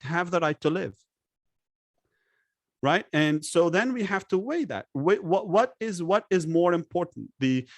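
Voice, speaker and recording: A man's voice: fairly high pitch, dry recording. A man from Lebanon speaking as a guest expert in an interview, making emphatic points and posing rhetorical questions. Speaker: guest expert on public health. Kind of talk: conversational interview.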